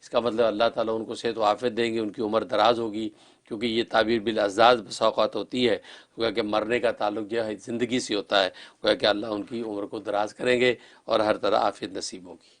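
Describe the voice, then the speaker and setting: A man interpreting callers' dreams on a religious call-in show, calm and advising in a set, formulaic way. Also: fairly low pitch.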